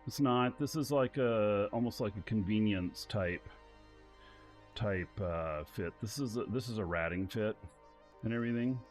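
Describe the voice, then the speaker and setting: A man casually commentating a game live stream, thinking aloud in a relaxed way. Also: lowish voice, a little slow, soft background music.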